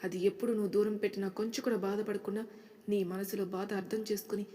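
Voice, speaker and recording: A woman's voice: medium pitch, level tone, fast talker, dark tone, big-room sound, natural voice. Woman voicing a stern lecturing father.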